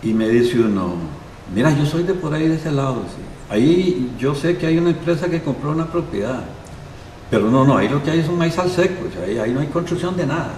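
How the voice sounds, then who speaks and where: An older man with a Costa Rican accent and a mid-range voice appears as an interview guest, telling a long anecdote with lively energy and acting out what the people in it said. It's a live show recording, and the sound is roomy and distant with background noise.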